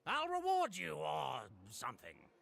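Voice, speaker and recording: An actor playing a cranky, sleep-deprived old man in a video game, raspy and grumbling, easily bursting into outrage. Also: a little high, wildly swooping pitch, a little slow, a bit bright, full character voice. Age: older. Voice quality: creaky, raspy. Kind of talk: video game character acting.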